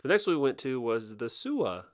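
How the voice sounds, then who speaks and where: A young man riffs through a casual podcast commentary, tossing out quick deadpan jokes. His voice is lively, leaping high and dropping low as he talks. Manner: joking, animated, quick deadpan gags. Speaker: podcast co-host. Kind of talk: casual commentary over festival video.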